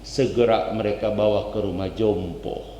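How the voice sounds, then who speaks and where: Male ustadz, animated sermon storyteller; reverberant mosque hall. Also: on the low side, normal speed. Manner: animated storytelling, direct address. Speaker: ustadz giving a dawn study at a mosque. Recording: echoey mosque hall, faint hum.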